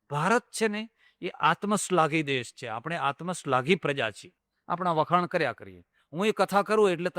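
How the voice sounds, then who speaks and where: An older man leads a spiritual discourse, moving between anecdote and teaching in a storytelling manner. He repeats phrases to drive his point home, and his voice sits fairly high. The sound is dry and close, with little room in it. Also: a bit bright, no echo. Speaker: swami giving a religious discourse.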